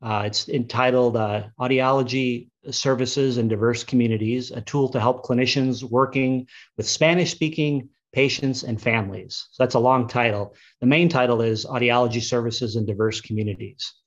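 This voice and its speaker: A man's voice: medium pitch, steady tone, lo-fi sound. A man hosting an interview show, introducing his guest and asking her questions with occasional fillers. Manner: friendly, measured interviewer with fillers. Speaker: podcast host.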